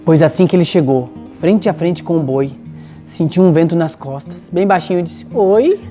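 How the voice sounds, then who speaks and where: A woman's voice: sits low, normal speed. A woman with a Brazilian accent telling a rhymed folk tale in a rhythmic, dramatic way. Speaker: storyteller. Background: soft guitar music.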